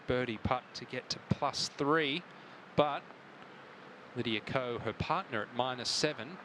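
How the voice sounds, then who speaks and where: Male golf commentator, mid-pitched voice, live broadcast delivery, noticeable outdoor noise behind.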